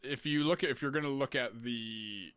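Bright-voiced man, encouraging podcast host. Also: medium pitch, moderate pace, smooth, dry recording. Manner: encouraging, laughs easily, casual swearing. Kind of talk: casual podcast chat.

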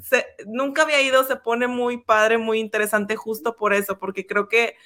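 A woman's voice: on the high side, steady tone, normal speed, bright, forceful tone. A woman in casual conversation, thoughtful, laying out her ideas at length.

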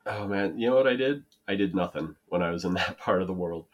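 A man's voice: low voice, quick pace. A man from the United States co-hosting a casual podcast chat, rambling and self-deprecating with frequent restarts. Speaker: podcast co-host.

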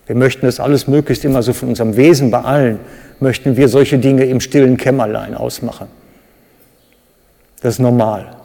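A man with a German accent preaching a sermon, animated, with sudden loud high bursts when he acts out cries and quotes. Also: moderate pace, gravelly. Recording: reverberant hall.

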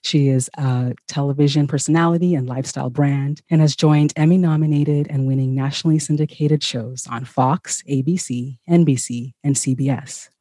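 Encouraging woman from Ghana, mellow. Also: rumbling low, fairly even intonation, normal speed, hardly any pauses, dry recording. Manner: upbeat, encouraging. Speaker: podcast host and nurse practitioner. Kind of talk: podcast interview intro.

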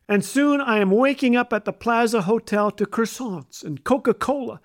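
A man from Canada telling funny, self-mocking stories as a radio host. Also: high voice. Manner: wry, self-mocking delivery. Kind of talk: humorous storytelling.

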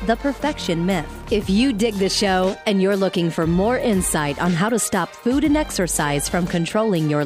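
Woman announcer over music. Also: fairly low pitch. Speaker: podcast announcer. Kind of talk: scripted intro voice-over. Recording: intro with music behind.

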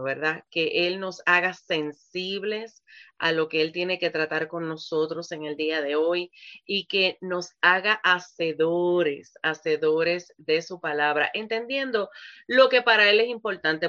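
A woman's voice: fairly low pitch, pushed and bright, muffled recording. A woman pastor hosting a live online ministry broadcast, speaking fervently and praying, often checking in with "¿verdad?". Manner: fervent, keeps asking "¿verdad?". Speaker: pastor and show host.

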